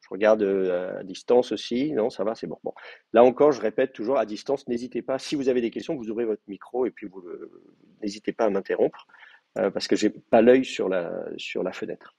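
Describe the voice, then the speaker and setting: French lecturer guy, husky dark voice, lots of euh and restarts, dry close sound. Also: on the low side, fairly quick, dry recording. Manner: hesitant, many fillers and restarts. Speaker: lecturer in Hebrew Bible. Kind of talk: university lecture. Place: classroom, also streamed to remote students.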